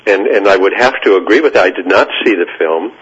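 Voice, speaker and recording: A male physician speaking as a guest on a radio talk show, halting and full of fillers. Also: low voice, a bit bright, slightly rough. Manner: halting, many fillers and restarts. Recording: muffled lo-fi radio line.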